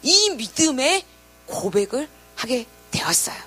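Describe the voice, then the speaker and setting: A woman's voice: high-pitched, sing-song, measured pace, sharp tone, slightly rough, soft background music. A woman pastor preaching to a youth group, telling a story with acted quotes and questions to her listeners. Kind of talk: sermon to teenagers.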